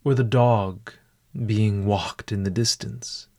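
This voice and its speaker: A man leading a guided walking meditation in a calm, deliberate, measured way. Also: on the low side.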